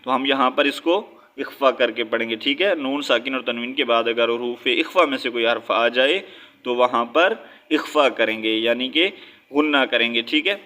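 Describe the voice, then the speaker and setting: Pakistani guy teaching quran reading, bright voice, slow spelled-out syllables, keeps checking you got it. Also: mid-range voice. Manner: spells out syllables slowly, then joins them; checks understanding with a repeated "okay?". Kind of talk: step-by-step Quran reading lesson.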